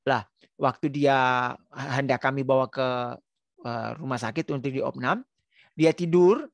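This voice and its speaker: A middle-aged man, a pastor, talking through a story in casual sermon-like chat, with many pauses, restarts and fillers. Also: mid-range voice, no echo, clean studio sound. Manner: hesitant, many restarts and fillers, tells stories.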